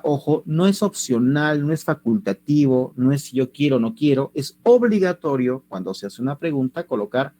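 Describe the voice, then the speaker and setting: A man's voice: a little high, darkish tone. A man leads an online language class. His voice rises and falls a lot as he keeps asking his students rhetorical questions. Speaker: teacher.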